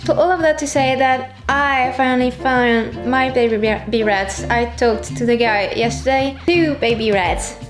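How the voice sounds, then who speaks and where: Higher-voiced young woman vlogging. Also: a little slow, few pauses, music in the background. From Switzerland. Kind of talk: casual vlog chat.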